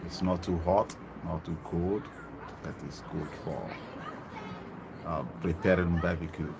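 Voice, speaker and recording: This deep-voiced online TV host streams casual commentary from his phone and earphone mic outdoors in Germany. His tone is steady and his pace measured, though he rambles with many ums and restarts, and background noise is audible.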